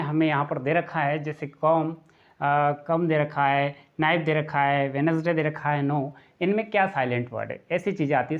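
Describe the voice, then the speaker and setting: A man teaching an English grammar lesson, repeating key words and spelling out letters slowly. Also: on the high side. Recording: dull lo-fi recording.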